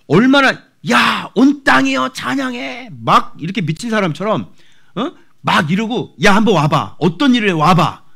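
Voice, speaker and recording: Animated, bright-voiced male pastor. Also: high voice. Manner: animated, acts out voices and shouts. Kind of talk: expository sermon. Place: church.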